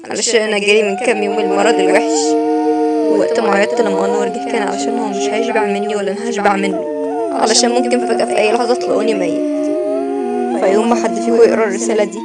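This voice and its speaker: A woman's voice: mid-range voice, fairly even intonation, very fast, over loud music, close to an everyday voice. A woman voicing a frightened, ill young man in a fan cartoon, speaking with emotional pleading. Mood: sombre.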